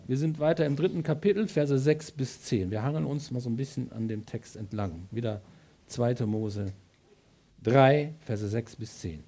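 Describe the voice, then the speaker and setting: A middle-aged man preaching a sermon with a lively, colloquial delivery that swings between loud and soft. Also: on the high side.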